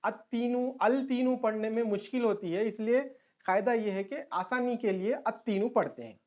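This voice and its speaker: A man's voice: high-pitched, darkish tone. Male teacher. Patient online lesson that repeats key terms and switches into English. Dull, lo-fi recording.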